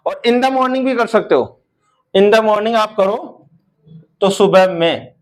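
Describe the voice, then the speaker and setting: Speaking with an Indian accent and a high-sitting voice, a man runs an English grammar class. He lingers slowly over every English sentence, hurries through the Hindi commentary, and refers to viewers as his son and daughter.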